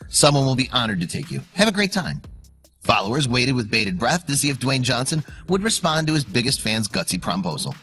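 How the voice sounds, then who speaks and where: This is a bright, forceful male voice at middle pitch, moving through lively swings as it tells a scripted story for online video. He speaks a little fast, stressing words for suspense, while music plays quietly behind him.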